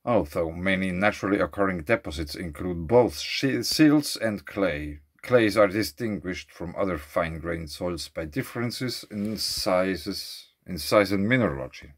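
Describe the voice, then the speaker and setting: By a lake outdoors, a man from Switzerland records a casual musing vlog, reading facts before wandering into loose asides as he thinks out loud. His voice sits low and is expressive and unhurried, with hardly any pauses.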